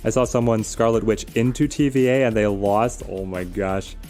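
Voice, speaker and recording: A fairly quick talker with a medium-pitched, slightly mellow voice and fairly even intonation, this streamer casually narrates his live game. He thinks aloud about strategy and fields viewer questions over music.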